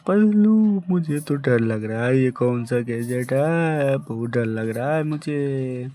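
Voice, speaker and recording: Motu, a man voicing an excitable chubby cartoon buddy. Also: mid-range voice, takes it slowly, a little hiss or hum. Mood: excited. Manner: exclaiming, repeating lines. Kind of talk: amateur cartoon dub.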